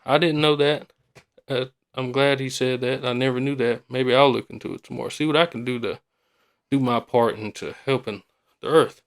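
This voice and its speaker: A man hosting a podcast in a casual, rambling, colloquial way, often repeating himself. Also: medium pitch. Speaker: podcast host.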